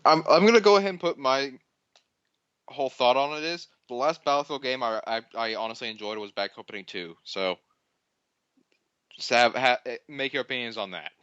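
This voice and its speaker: A man's voice: medium pitch, fairly quick, fairly bright tone, smooth, dry recording. A young man co-hosting a gaming podcast, chatting with wry, teasing humor. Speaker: podcast co-host. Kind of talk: casual gaming chat. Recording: dull dry lo-fi mic.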